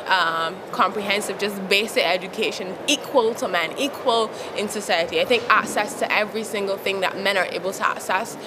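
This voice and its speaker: A young woman from Barbados with a Barbadian accent, speaking frankly and laughing often as she answers interview questions outdoors. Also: mid-range voice. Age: young adult. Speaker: interviewee, youth advocate. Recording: outdoor recording with traffic noise.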